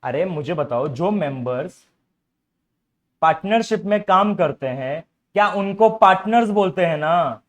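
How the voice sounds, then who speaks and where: A man's voice: high-pitched, expressive, measured pace. A young man teaching a commerce class, repeatedly quizzing students and coaxing them to ask doubts. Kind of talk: classroom lecture.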